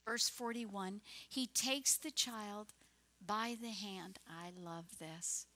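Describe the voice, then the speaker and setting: A woman preaching a sermon, retelling the story and acting out the voices of its people, with swings between hushed, tender passages and loud, emphatic urging. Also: mid-range voice, slow pace.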